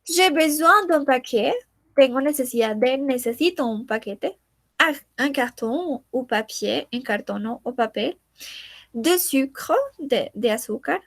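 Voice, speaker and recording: Female teacher, high voice, unhurried, repeats and translates each word, dry close mic. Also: animated, no echo. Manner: repeats words slowly, translating each one. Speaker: French teacher. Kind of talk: bilingual language lesson.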